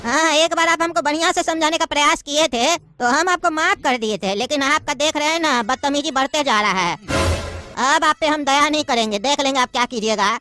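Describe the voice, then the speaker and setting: A woman's voice: high-pitched, fairly quick, over music, close to an everyday voice. A woman voicing a pompous old male judge near retirement in a cartoon comedy, speaking in a bossy, mocking, lecturing way. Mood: stern.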